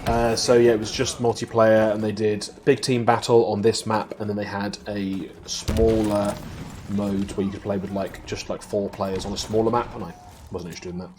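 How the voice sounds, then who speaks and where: A man with a lowish voice chats casually about games on a live stream. He laughs easily and fills his talk with ums and restarts. A steady hiss of background noise sits under the recording. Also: moderate pace. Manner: chatty, laughs often, many ums and restarts. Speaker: co-host of weekly games show. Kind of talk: casual live-stream chat over gameplay footage.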